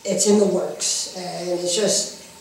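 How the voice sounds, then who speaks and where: A man's voice: high-pitched, steady tone, slow pace, creaky, slight background noise. Echoey, talkative male interviewee, off mic. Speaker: pro wrestling manager being interviewed. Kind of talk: casual interview chat. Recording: echoey room, far from the mic.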